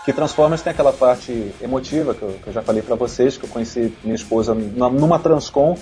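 A man, a voice actor and dubbing director, chatting casually on a podcast with an animated storytelling manner. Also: medium pitch, fast, music in the background. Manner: animated storyteller, acts out voices and laughs often.

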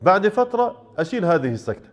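A man's voice: sits high, very animated. Egyptian man teaching Quran recitation. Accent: Egyptian Arabic. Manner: demonstrates sounds slowly and repeats them, asks the class rhetorical questions. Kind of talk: explaining tajweed rules in class.

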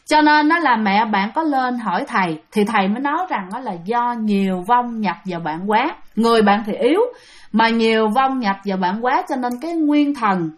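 Her voice sits a little high as she tells a ghost story in a chatty manner, speaking directly to her listeners.

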